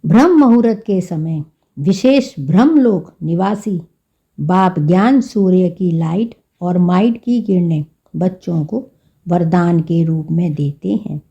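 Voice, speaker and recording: A woman reading a devotional scripture text aloud in a slow, measured recitation. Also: lowish voice, warm tone, slightly rough, muffled recording. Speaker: spiritual reader.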